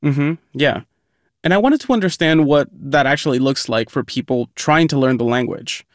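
A man's voice: mid-range voice, moderate pace, no echo, studio quality. A man reporting on a news podcast, explaining his findings steadily.

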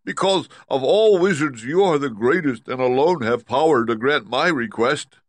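A man's voice: medium pitch, animated, normal speed, no room sound, voice pushed up, natural voice. A man voicing a cowardly lion from a storybook, anxious but earnest, in a raised, emphatic, declaiming voice. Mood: pleading.

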